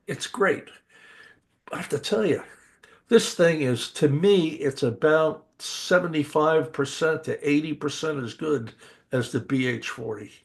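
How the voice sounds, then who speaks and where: This older man's voice is on the high side and unhurried as he co-hosts a casual podcast. He chats with keen enthusiasm, restarting sentences again and again.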